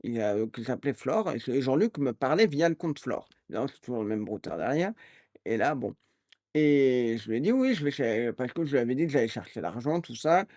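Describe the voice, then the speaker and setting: A man streaming live, telling a rambling story in a casual, animated way and acting out the people he quotes. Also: medium pitch, brisk, no echo, clean studio sound. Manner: animated, acts out quoted voices; rambling with restarts and fillers.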